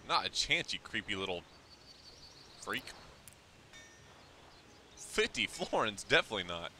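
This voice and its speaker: A man's voice: on the low side, very animated, unhurried, bright, forceful tone, a little hiss or hum. Jokey man doing game commentary. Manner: jokey, mock-dramatic. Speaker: gameplay commentator. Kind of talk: casual let's-play commentary.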